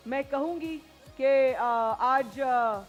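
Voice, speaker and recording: A woman with a high voice hosts a prize show on a TV studio set. She talks in a lively way, slipping English phrases in as she directs her guests, with faint music playing behind her. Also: very slow, lo-fi sound. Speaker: game show host.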